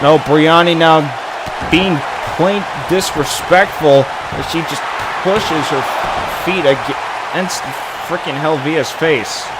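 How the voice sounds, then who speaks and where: A man working as a wrestling commentator, giving excited, exclamatory play-by-play in halting bursts with mild slangy expletives. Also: fairly high pitch, over a noisy crowd, heavy background noise.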